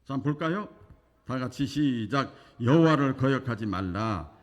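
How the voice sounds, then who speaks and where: A male pastor preaching a Sunday sermon with animated delivery, acting out quoted voices and swinging from quiet asides to loud declarations. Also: mid-range voice, moderate pace, muffled recording. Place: church sanctuary. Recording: long church hall reverb.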